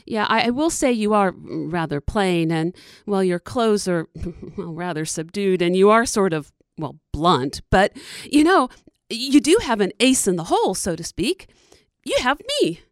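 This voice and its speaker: A woman voicing a chatty, plump female groundhog who is a fairy godmother in training, eager and fussy, halting over her words, in a told story. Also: medium pitch, animated, dry recording, studio quality.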